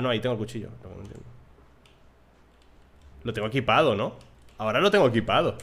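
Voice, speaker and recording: Young guy streaming a game, casual, cusses a lot, talks into a desk mic. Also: mid-range voice. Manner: casual, swears, shouts excitedly at the game. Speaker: gaming streamer. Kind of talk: live gameplay commentary.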